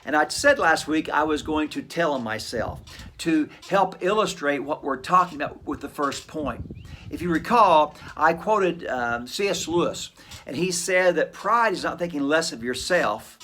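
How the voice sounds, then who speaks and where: A man's voice: fairly high pitch, animated, a little slow, a bit bright. A middle-aged man hosting a short devotional segment for homeschool families, speaking in an earnest, plainspoken way and telling personal stories. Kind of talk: conversational devotional talk.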